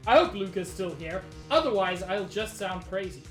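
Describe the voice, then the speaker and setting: A woman streams a game and chats with her viewers in a middle-pitched voice. The sound is roomy, with game music clearly playing behind her. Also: expressive, normal speed. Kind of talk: chatty game stream with dramatic read-aloud.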